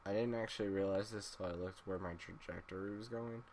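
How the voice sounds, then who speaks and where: A man's voice: low voice, fairly even intonation, brisk, a little mellow, slight background noise. A man giving casual, wry gameplay commentary, sleepy and drowsy after just waking up. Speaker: gaming YouTuber.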